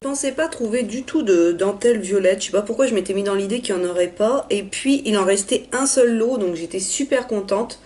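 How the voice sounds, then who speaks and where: A hoarse young woman, raspy from being ill, chatting through a casual haul video with many hesitations. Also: medium pitch, brisk, few pauses, darkish tone. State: hoarse from illness. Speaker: vlogger.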